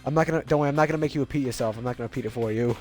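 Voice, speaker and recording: A man's voice: mid-range voice, rapid-fire, a little mellow, faint music behind. A man playing a video game and commenting casually, with rambling, self-interrupting asides. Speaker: video game let's player. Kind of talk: casual game commentary with character read-alouds.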